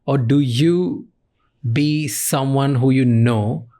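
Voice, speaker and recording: A man's voice: medium pitch, slow pace, warm tone. Man, podcast host, short probing questions, interview style.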